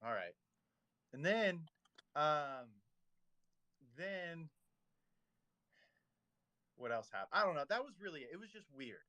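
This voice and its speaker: A man with a bright, forceful voice hosts a loose online audio chat. He rambles through stories, stacks up fillers, and teases his co-host. His sound is close and dry, with no room around it. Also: on the high side, very animated, takes it slowly, pauses often, no room sound. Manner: rambling, filler-heavy, teasing. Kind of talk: casual chat.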